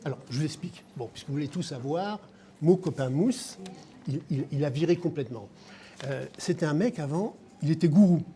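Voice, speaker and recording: A man's voice: a little high, expressive, brisk, warm tone, a little hiss or hum. A man giving a comic birthday speech at a family party, telling pun jokes and chuckling at them. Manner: wordplay jokes, chuckling at his own puns. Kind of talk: comic party speech with a pretend phone call.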